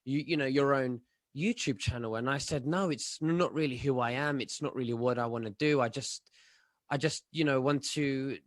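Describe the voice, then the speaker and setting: A man, answering interview questions in a halting way, full of fillers and restarts, over a remote call. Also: medium pitch, dry recording. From London, England. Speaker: guest, online commentator.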